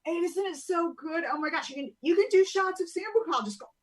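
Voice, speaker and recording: A woman's voice: extremely high pitch, fairly quick. A woman guest chatting over a video call, explaining wellness tips in a chatty way and laughing easily.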